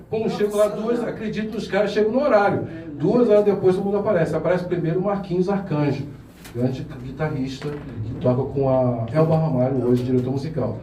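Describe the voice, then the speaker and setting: A man who is a pianist, telling a story to a live audience in an animated, laughing way and acting out the voices he quotes. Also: on the high side, slight background noise. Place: room with a small audience. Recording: echoey room, mic at a distance.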